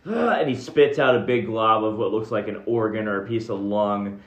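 A man narrating a tabletop game as game master, describing scenes in a relaxed, chuckling way. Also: lowish voice, moderate pace. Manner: laid-back, chuckling, descriptive. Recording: dull roomy recording.

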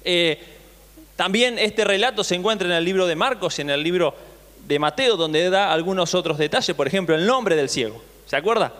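A man's voice: high-pitched, animated, a little fast, a bit bright. A male pastor preaching a sermon, reading scripture aloud and retelling it with acted voices, often asking the congregation questions. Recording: long hall reverb.

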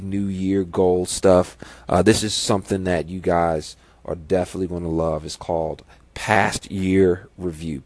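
Deep-voiced man with a stuffy nose. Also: darkish tone, no room sound. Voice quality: nasal, stuffy-nosed. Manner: encouraging, instructive, addressing listeners directly. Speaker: podcast host. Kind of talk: casual solo podcast advice talk.

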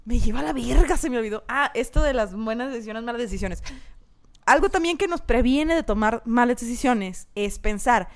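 A woman's voice: a little high, expressive, moderate pace. A woman co-hosting a casual chat, joking crudely and bluntly. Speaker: podcast co-host.

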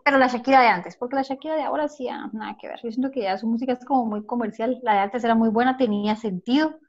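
A woman's voice: fairly high pitch, fast talker, lo-fi sound. A woman with a Guatemalan accent reminiscing in casual chat, full of filler tags. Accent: Guatemalan Spanish. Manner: chatty, peppers speech with "va" and "vos".

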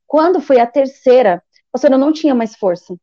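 A woman telling an emotional personal testimony, animated, acting out the voices of others and praying aloud. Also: high voice, a little fast, no echo, dull audio. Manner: animated, acts out quoted voices and prays aloud. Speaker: guest giving a testimony.

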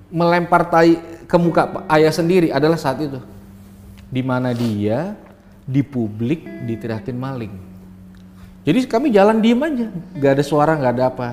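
A middle-aged man from Ambon telling his life story in an earnest, reflective way, growing quieter in the tender moments. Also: on the high side, long reverb tail. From Ambon, Indonesia. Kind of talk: emotional personal storytelling.

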